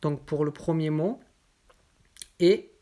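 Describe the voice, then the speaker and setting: A woman teaching French pronunciation, explaining each example word patiently and saying it slowly and carefully. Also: low-pitched, darkish tone. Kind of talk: slow explanatory lesson.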